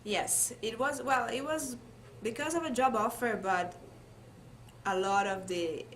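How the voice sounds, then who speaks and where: In an oral history interview, a woman from Italy with an Italian accent thoughtfully recalls her life. Her voice is on the high side and a bit bright, and she speaks a little slowly. The recording has clear background noise and room ambience.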